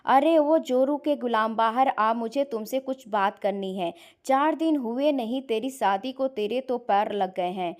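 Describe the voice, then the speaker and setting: A woman doing an angry middle-aged mother, shouting and scolding, fairly high voice, storybook telling. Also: unhurried, few pauses, close to an everyday voice.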